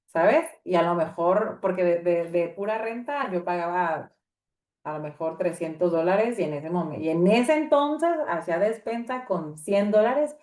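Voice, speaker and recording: A woman tells a personal faith story in a low, mellow voice, acting out each exchange and filling her pauses freely. The recording has a roomy echo around her. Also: recorded from a distance. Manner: animated storytelling, acting out dialogue, frequent fillers. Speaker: women's ministry speaker.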